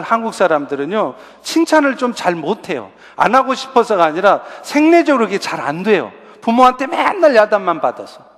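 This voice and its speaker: A pastor preaching a sermon in a conversational way, with rhetorical questions to the congregation and touches of light humor. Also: male voice, high voice, fairly bright tone, in a large hall.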